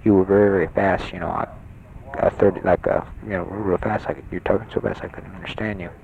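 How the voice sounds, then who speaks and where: This taped audio letter home comes from a young man in a hospital bed who speaks low and a little fast, with vocal fry and little pitch movement. He keeps quiet and rambles with many fillers. The portable recorder, held close, gives dull lo-fi sound with some hiss or hum while other ward patients talk.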